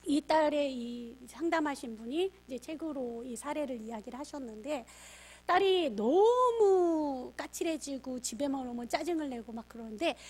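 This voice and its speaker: High-pitched middle-aged woman pastor lecturing parents, tells stories and does all the voices in the dialogue. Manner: lively storyteller acting out quoted family dialogue. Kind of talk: storytelling lecture for parents and teachers.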